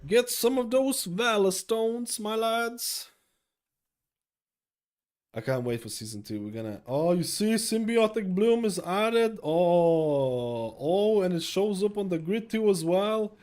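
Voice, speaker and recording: A young game streamer gives casual, joking commentary while playing, rambling, swearing, and saying "bro" a lot. His voice is high and animated but slow, with a darkish tone.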